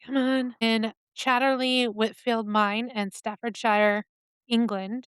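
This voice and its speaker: Slow, crystal-clear woman reading news bits. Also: a little high, little pitch movement, fairly bright tone, no echo. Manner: halting, reads stories with pauses and uh's. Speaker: podcast co-host. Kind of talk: casual chat, reading news stories.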